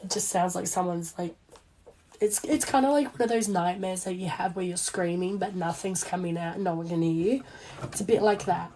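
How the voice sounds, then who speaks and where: This hoarse, weakened Australian woman speaks low and chatty, brisk yet mellow, as she loses her voice following an illness. A small business owner and crafter, she rambles informally and pokes fun at herself on a casual livestream while sewing. The recording comes from a noisy home sewing space with clicking sounds.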